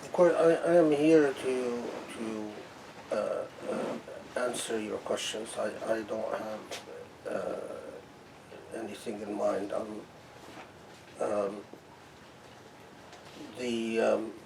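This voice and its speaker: Slow halting man, distant mic. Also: fairly low pitch, fairly even intonation, creaky. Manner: slow, halting, many fillers. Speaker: author answering questions. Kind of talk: opening remarks at a Q&A. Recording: distant mic, noisy room.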